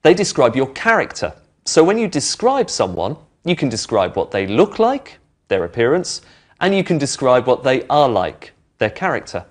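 Man explaining clearly. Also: medium pitch, big pitch swings, normal speed. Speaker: presenter of an English lesson. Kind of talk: friendly teaching explanation. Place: indoor studio with brick walls.

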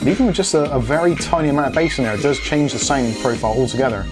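A British tech reviewer in his forties, hosting a video, gives a casual product review to camera and thinks aloud as he goes, talking at a racing pace in a mid-range voice. He's recorded on a lavalier mic in a small indoor home studio, with music playing from the speakers he's testing.

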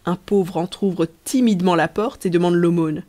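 A woman reading a novel aloud as an audiobook narrator, in a measured storytelling manner. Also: lowish voice. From Belgium. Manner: measured storytelling, lively dialogue. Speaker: audiobook reader. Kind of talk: scripted narration.

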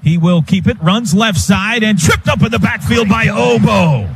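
A high-voiced American play-by-play man calls football for radio at normal speed, his clipped phrases following each moment of action. The broadcast comes from a stadium booth, and loud ambient stadium noise runs behind everything he says.

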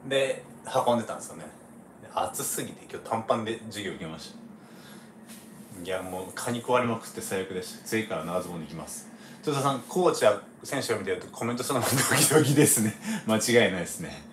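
A lowish male voice rattles along at a quick clip, easygoing and chatty, with frequent laughs as he answers viewer comments. The sound is roomy and echoey, with a faint hum of background noise behind him. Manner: relaxed, chatty, laughs often, frequent ね fillers. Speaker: livestream host, former baseball pitcher. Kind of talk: casual live chat reading viewer comments.

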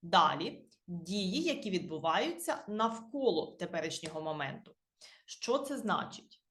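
Animated Ukrainian woman teaching grammar. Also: on the low side, measured pace, reverberant. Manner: patient, spells out endings letter by letter, repeats key words. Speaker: English teacher. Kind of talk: explaining grammar to beginners.

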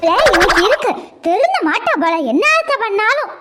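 A wily old grandmother, put on by a woman in a comedy skit, speaking in a very high, thin voice. She mutters darkly about her daughter-in-law and fusses over her grandchild. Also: sing-song, normal speed, over loud music. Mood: fretful. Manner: muttering suspicious asides, fussy and doting with the child. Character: scheming old mother-in-law, doting grandmother.

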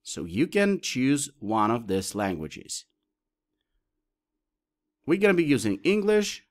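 Man, tutorial presenter, lively up-and-down delivery, listing options step by step, mid-pitched voice. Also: slow. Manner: lists options step by step, explaining as he clicks. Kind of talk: screen-recorded tutorial walkthrough.

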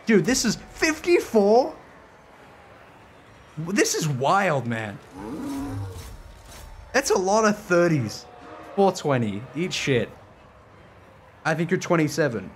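Young male streamer, twenties, profane and excitable, casual stream commentary. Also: high voice, slow pace, long pauses, slight background noise. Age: 20s.

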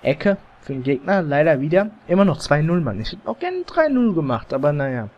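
A gamer with a slightly high voice talks through his match in loose, casual bursts. He gets excited and groans or swears when plays go wrong. The mic is slightly overdriven at times. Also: brisk, muffled recording. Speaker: let's play gamer. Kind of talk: casual live gameplay commentary. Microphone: headset or desk mic, slightly overdriven.

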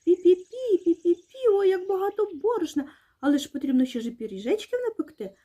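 A woman voicing two tiny, lazy mouse children with squeaky, piping voices in a children's fairy tale. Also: lively intonation, brisk, dark tone.

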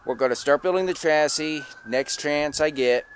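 Here a middle-aged man talks at a normal speed in a slightly high voice, casually walking viewers through his truck project. The vlogger films outdoors next to a vehicle in a home yard, using the camera's own mic at arm's length, and the result is clearly noisy with audible clicks.

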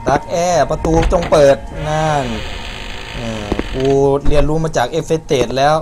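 Man, slightly high voice, jumpy horror-game commentary, yelps and swears, loud music behind. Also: moderate pace. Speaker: gaming YouTuber.

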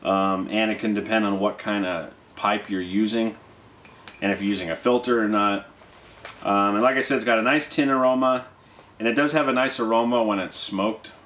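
A man in his thirties giving a casual, low-key product review to camera, speaking in a halting, unhurried way. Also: steady tone, fairly bright tone. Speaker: pipe tobacco reviewer. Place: small dim living room, indoors. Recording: dull, roomy sound with faint noise.

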